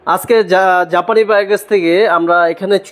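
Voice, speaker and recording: A man's voice: high-pitched, steady tone, normal speed. A man with a Bangladeshi accent hosts an unscripted car review, speaking fluently and repeating details to clarify them. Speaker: host of car showroom videos.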